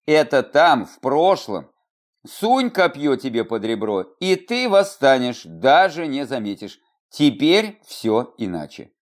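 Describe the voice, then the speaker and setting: A man's voice: medium pitch, big pitch swings, slow. A man voicing a young female salamander companion who needles and warns in an anxious way, read as an audiobook. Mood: insistent. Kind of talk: audiobook reading.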